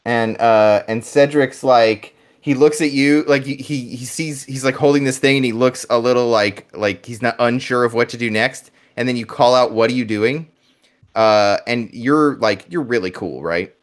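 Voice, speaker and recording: A man's voice: medium pitch, normal speed. A man running a tabletop game as game master, chatty and full of fillers and restarts.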